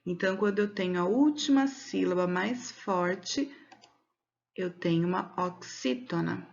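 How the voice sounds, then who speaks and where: A Brazilian woman teaching a recorded lesson for children, explaining patiently step by step and slowly stretching out words to mark the stressed syllable. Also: lowish voice, vocal fry, a little mellow, dull audio. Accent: Brazilian Portuguese. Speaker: schoolteacher.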